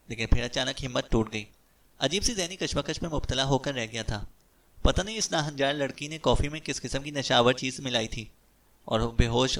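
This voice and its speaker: A man's voice: medium pitch, a bit bright, recorded from a distance. A man narrating an audiobook of a detective novel, giving the characters' lines with light changes of voice.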